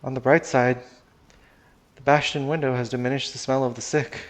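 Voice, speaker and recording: A man's voice: mid-range voice, level tone, a little fast. Casual man narrating a first-person story. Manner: casual, swears, restarts sentences.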